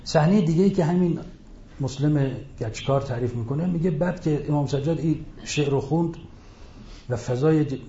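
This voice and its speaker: A man giving an impassioned religious lecture, retelling a story and rising into loud rhetorical outbursts. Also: on the high side, roomy sound, a little hiss or hum. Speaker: preacher. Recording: dull lo-fi recording.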